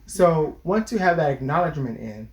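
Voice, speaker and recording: Man in his twenties or thirties, therapist co-host, lecturing tone, a bit high-voiced. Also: animated, moderate pace. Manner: earnest, lecturing, restarts mid-sentence. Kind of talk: casual advice chat.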